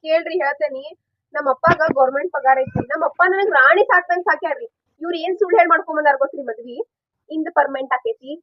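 A woman's voice: high voice, dry recording, dull audio. A woman playing a despairing wife in a comedy sketch, pleading and complaining.

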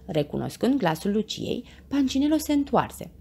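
A woman reading a children's bedtime story aloud, with expressive, animated narration. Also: on the high side, gravelly, slightly rough.

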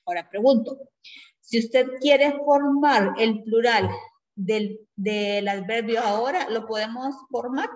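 High-voiced woman teaching grammar. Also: slow, darkish tone. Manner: explains patiently, checks in with a frequent tag question. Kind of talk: grammar lesson to a class. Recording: dull lo-fi recording.

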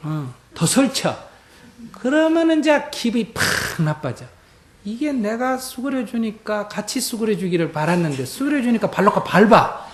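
Man, Buddhist monk, dharma talk, loud then near-whispered, rhetorical questions, roomy hall echo. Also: high-pitched. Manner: animated, swings between loud emphasis and hushed near-whispers.

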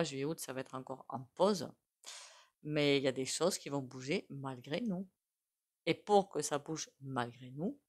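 A woman with a noticeable accent lays out tarot cards and talks them through casually. Her voice sits a bit low, and she wanders into fillers and side remarks. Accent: non-standard French accent. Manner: chatty, many fillers and asides. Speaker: tarot reader. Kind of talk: casual spoken tarot reading.

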